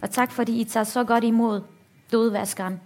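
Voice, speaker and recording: A woman author reading a passage from her book aloud in a steady, grave manner. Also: a little high.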